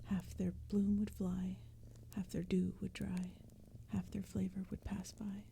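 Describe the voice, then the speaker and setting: In this ASMR poetry reading, the narrator whispers in a mid-range, breathy voice that is very dark and mellow. Her delivery is slow, measured and gently flat, with a fire crackling and forest sounds quietly in the background.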